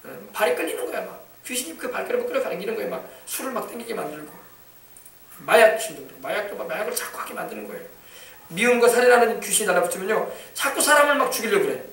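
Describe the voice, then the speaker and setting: His voice is high-pitched, expressive, rapid-fire and fairly bright as this male pastor preaches a sermon with emphasis in a church sanctuary, repeating words and calling hallelujah. The audio is echoey and recorded from far off.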